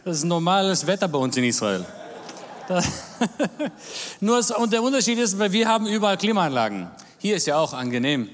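A man's voice: high voice, sing-song, brisk. A man in his forties, born in Germany, giving a church talk as a guest speaker in a jovial manner with jokes and amens. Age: 40s. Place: large church hall. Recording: reverberant church hall.

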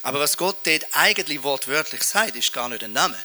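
A man preaching a sermon in a lively, emphatic and playful way. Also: on the high side, fairly quick.

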